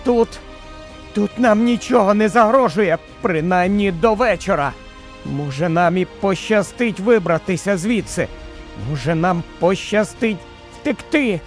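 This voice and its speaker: Scared panicky housewife yelling to get upstairs, read by a guy in a higher voice, faint music under it. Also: measured pace. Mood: desperate. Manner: urgent, rising cries. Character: frightened housewife, frantic and desperate.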